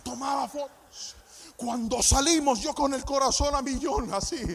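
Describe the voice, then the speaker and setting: A man preaching a sermon, moving from storytelling to sung, shouted exhortation. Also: extremely high pitch, normal speed. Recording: long hall reverb.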